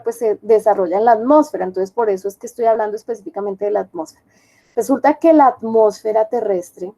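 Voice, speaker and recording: Mellow-voiced teacher explaining. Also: female voice, on the high side, poor audio. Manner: explanatory, checks understanding with questions. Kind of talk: online class lecture.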